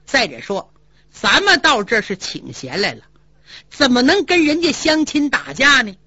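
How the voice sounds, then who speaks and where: A woman voicing a calm, authoritative male leader who reproves his companion in a measured way in a traditional storytelling performance. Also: sits high, breathy edge, no room sound, lo-fi sound, heavily acted. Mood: reproving.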